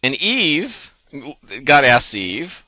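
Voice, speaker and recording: A man's voice: fairly high pitch, huge pitch swings, extremely slow, sharp tone, no echo. A man, a university professor, lecturing in a playful, jokey way and acting out the text. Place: classroom.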